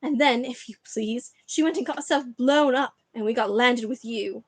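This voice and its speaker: A woman voicing a shrill, bitter middle-aged aunt who shrieks and rants. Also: moderate pace, dry recording, lightly acted. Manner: shrieking, ranting.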